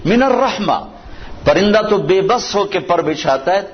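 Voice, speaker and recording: A man's voice: high-pitched, crowd noise. A male preacher from Pakistan giving a sermon, telling stories and reciting verses, repeating key phrases for emphasis. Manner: storytelling with Quranic recitation in Arabic. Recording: old dull lo-fi recording with faint noise.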